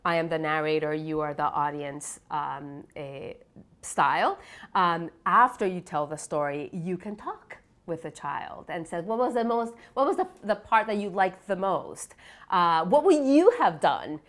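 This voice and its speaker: This developmental psychology researcher from Lima, Peru, has a lower-pitched, reflective, animated voice. Giving explanatory answers in an interview, she speaks haltingly and often uses tag questions to seek agreement.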